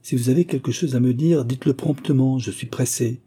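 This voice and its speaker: A man voicing a frightened, gentle young woman who speaks softly and earnestly in an audiobook. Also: mid-range voice, a little fast, breathy edge, lightly acted. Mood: anxious. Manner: pleading and soft.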